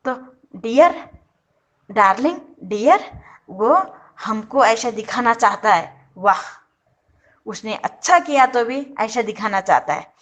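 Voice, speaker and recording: A woman's voice: a little high, unhurried, fairly bright tone. A woman giving opinionated casual commentary as a video commentator, sarcastic and indignant, often breaking off and correcting herself. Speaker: YouTube show commentator.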